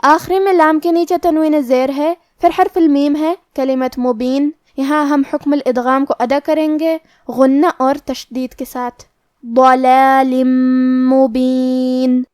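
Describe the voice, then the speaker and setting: A woman teaching tajweed, deliberately explaining each letter's rules and slowly reciting the verses aloud. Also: high voice, a little mellow, no echo, studio quality. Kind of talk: tajweed lesson with slow recitation.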